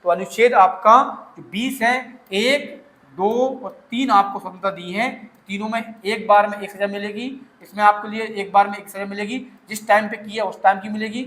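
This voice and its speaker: High, bright-voiced male teacher. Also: fairly even intonation, moderate pace, reverberant. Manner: repetitive, acts out quoted pleas of accused and police; addresses students as "beta". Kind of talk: classroom lecture.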